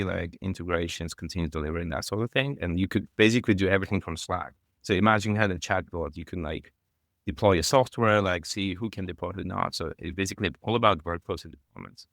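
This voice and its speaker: Guest: middle-aged man from Kazakhstan, low voice, rambling filler-heavy delivery, dry close sound. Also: quick pace, fairly bright tone, dry recording. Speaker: podcast guest. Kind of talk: casual interview talk.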